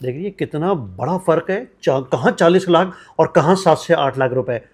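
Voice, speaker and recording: A man's voice: fairly high pitch, animated, normal speed, husky. Upbeat man interviewing a shop owner. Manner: upbeat, prompting questions and echoing answers. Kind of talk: promotional interview.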